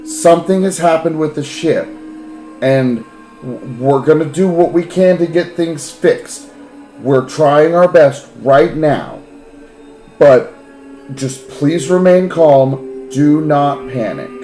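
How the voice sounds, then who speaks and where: Man voicing intercom announcer, urgent, pleading, slow, raised, roomy echo, music in background. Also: on the high side, dark tone, pitched above the performer's own voice.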